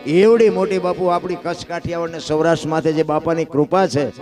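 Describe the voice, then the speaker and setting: Male folk storyteller with a Kathiawadi Gujarati accent and a high-pitched voice. He preaches in rhetorical questions and swings from loud to soft, with faint music under him. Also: fairly even intonation, a little fast. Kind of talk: devotional folk discourse with stories.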